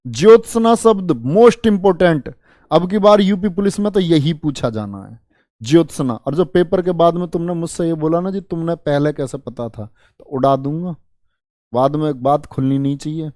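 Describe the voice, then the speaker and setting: This Hindi exam-prep teacher runs an online coaching lesson, drilling spelling by repeating words in a chatty, affectionate way and making dramatic promises to his students. His voice is fairly high and darkish, at normal speed, recorded cleanly in a studio with no room sound.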